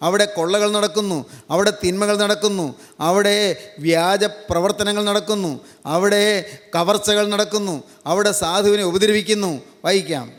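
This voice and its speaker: A man's voice: high-pitched, fairly even intonation, moderate pace. A man from Kerala preaching a sermon, repeating phrases in lists and asking rhetorical questions. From Kerala, India. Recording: long hall reverb.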